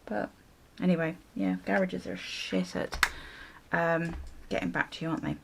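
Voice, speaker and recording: Getting ready on camera, this British vlogger chats her way through a storytime, swearing in exasperation and voicing both people in the exchanges. She speaks at a normal speed in a lowish, creaky voice with fairly even intonation, and there's slight background noise.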